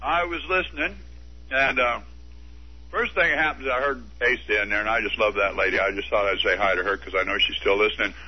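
A man's voice: fairly low pitch, brisk. A man calling in to a radio talk show, arguing his views in an earnest, firm way. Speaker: radio caller. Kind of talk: call-in radio debate. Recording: dull lo-fi radio broadcast.

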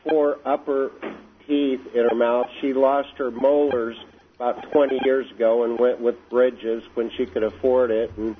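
A man calling in to a radio show, speaking hesitantly with many pauses and fillers. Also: medium pitch, flat delivery. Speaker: caller. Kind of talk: phone-in call. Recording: tinny phone line with faint noise.

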